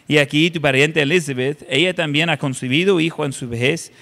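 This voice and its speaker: A male pastor giving a sermon and reading scripture, halting and conversational with many filler sounds. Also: on the high side, gravelly, sharp tone. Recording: long reverb of a hall.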